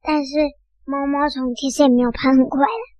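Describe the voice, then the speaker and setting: A storyteller with a high, hoarse, childlike voice, narrating an animal story for children in a simple, drawn-out way. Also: steady tone, a little mellow, no echo. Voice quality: hoarse, husky.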